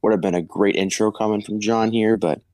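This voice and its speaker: Brief: male podcast co-host, lowish pitch, casual slang, dry close sound. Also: steady tone, a little fast, darkish tone, no room sound. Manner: casual, slangy, restarts a lot. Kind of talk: casual chat.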